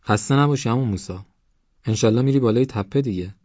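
A man's voice: mid-range voice, a little mellow, dry recording, dull audio, voice pushed up, lightly acted. A male narrator voicing a bold young village girl who brags and talks like a know-it-all. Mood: boastful. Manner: cocky, chatty, know-it-all.

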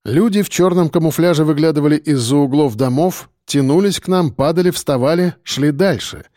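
A male audiobook narrator reads a first-person story in a steady, tense way. His voice is mellow and dark, pitched a little high for a man. The recording is dry and close, with no room sound. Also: brisk, no room sound.

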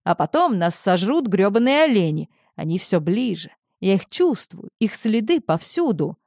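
A man's voice: sing-song, normal speed, vocal fry, a little mellow, dry recording, clean studio sound, heavily acted. A woman voicing a hysterical, pompous middle-aged male producer who rants shrilly. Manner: shrill, panicky, ranting.

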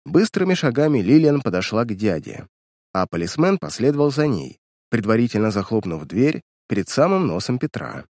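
A man with a medium-pitched voice narrates a scripted audiobook at a moderate pace, telling the story expressively. The recording is dry and of studio quality.

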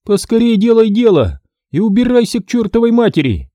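A male reader voices a rude, indignant brunette woman. She scolds in a high, piercing voice that leaps around wildly. The sound is close and completely dry. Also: sing-song, moderate pace, dark tone, no room sound. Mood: scolding. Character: stately brunette woman, shrill, rude, quarrelsome.

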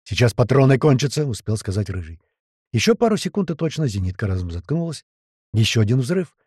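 A man reading a first-person audiobook with tense, lively storytelling. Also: lowish voice, brisk, slightly rough, dry recording, studio quality. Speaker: audiobook narrator.

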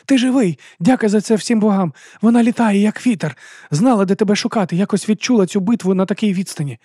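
A frantic male jester who fires off loud, urgent exclamations, his voice pitched well above a normal speaking voice, as a man reading an audiobook puts him on. The recording is dry and close. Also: fast talker, breathy edge, dry recording. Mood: urgent, excited. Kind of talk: audiobook character voice.

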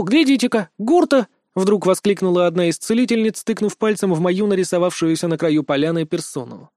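A man reading a first-person fantasy audiobook in a calm, measured way on a close studio mic. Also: sits high, dry recording. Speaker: audiobook narrator.

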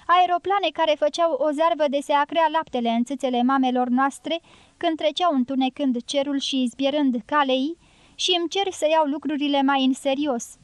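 A woman's voice: sits high, no room sound, voice pushed up, close to an everyday voice. A talkative, teasing guerrilla man, as a woman reader puts him on, carried in a voice lifted well above her own. The sound is close and dry, with no room around it. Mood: mocking, voluble. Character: joking, fearful Romani man, a guerrilla fighter.

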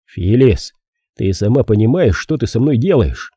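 A man voicing a gruff, blunt detective in his thirties in an audiobook. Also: medium pitch, expressive, moderate pace, dark tone, dry recording, studio quality. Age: 30s.

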